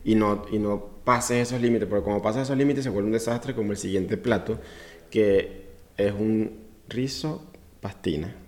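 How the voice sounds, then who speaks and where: A man's voice: on the low side, normal speed, darkish tone. A man co-hosting a casual podcast, stating opinions firmly and punctuating them with short tag words. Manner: firm, opinionated, punctuates with "¿ok?" and "punto". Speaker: podcast co-host.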